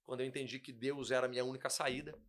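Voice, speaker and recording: A man's voice: medium pitch, flat delivery, rapid-fire. A young man, a pastor, telling a personal testimony in casual conversation, emotional and acting out the dialogue. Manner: emotional storytelling, acts out dialogue. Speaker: guest pastor.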